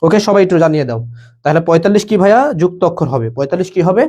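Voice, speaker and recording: The voice sits high with a dark tone: a young man teaching a live online admission class. Rapid and repetitive, he quizzes students, repeats their questions and answers, and keeps saying "okay bhaiya."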